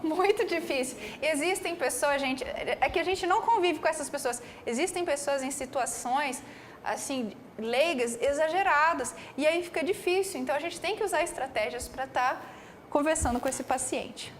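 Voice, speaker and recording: Brazilian woman pharmacist lecturer with a high voice and an animated, chatty delivery. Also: normal speed, slight background noise. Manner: animated, peppers speech with "né" and "tá".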